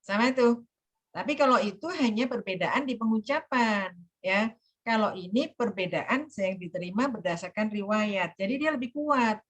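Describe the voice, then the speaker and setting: A woman's voice: medium pitch, expressive, moderate pace. A woman lecturer on a video call, patiently explaining with examples and demonstrating recitation. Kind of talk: online class lecture.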